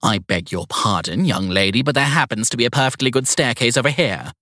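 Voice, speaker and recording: A haughty, demanding lady in her nineties, as a male narrator puts her on, clipped and imperious. The voice is husky and swings about in pitch, higher than his usual register. Dry, close audiobook sound. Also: expressive, a little fast, bright, forceful tone, no echo. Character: imperious ninety-six-year-old woman, haughty and sharp.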